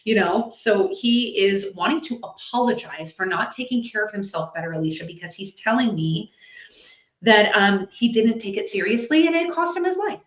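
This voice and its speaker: A woman working as a psychic medium, giving a live reading to an audience and thinking out loud as she passes on messages. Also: medium pitch, animated, normal speed. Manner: chatty, thinks out loud while relaying messages. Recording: echoey, slightly dull recording.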